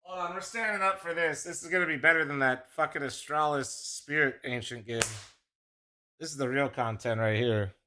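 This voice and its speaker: A young man co-streaming an esports match chats live with his viewers in a fairly high, pushed and bright voice at a moderate pace. He rambles, swears and teases a friend throughout the casual stream.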